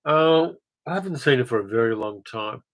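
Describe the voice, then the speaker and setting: A man's voice: mid-range voice, animated, normal speed, poor audio. A man hosting a film channel livestream, chatting casually and answering viewer comments with a rambling, filler-heavy manner. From Australia. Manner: rambling, conversational, frequent fillers.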